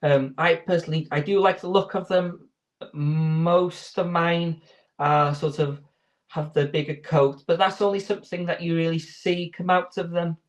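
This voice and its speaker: A man's voice: a little high, level tone, normal speed. A man giving informal interview answers as a sheepdog handler, explaining in a hesitant, rambling way.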